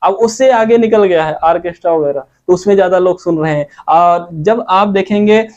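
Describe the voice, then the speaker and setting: A man's voice: high-pitched, normal speed, darkish tone. A man teaching a grammar lesson. He asks questions and answers them himself, and draws out sung examples. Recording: dull lo-fi recording.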